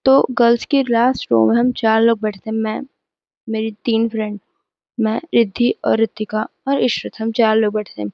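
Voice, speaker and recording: A woman's voice: fairly high pitch, level tone, moderate pace, vocal fry, no room sound, muffled recording. Chatty teenage girl telling a story. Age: teens. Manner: chatty, emphatic retelling with frequent restarts. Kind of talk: casual storytime vlog.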